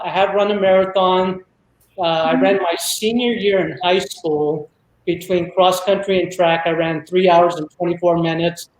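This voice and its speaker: Brief: jovial man, high voice, roomy echo. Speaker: podcast guest.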